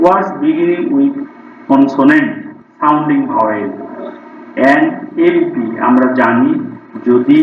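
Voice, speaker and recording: A male English teacher with a Bengali accent giving a classroom grammar lesson, listing example words and slowing down for English sentences. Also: mid-range voice. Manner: reads word lists, slows right down for English sentences. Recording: distant, roomy, dull lo-fi recording.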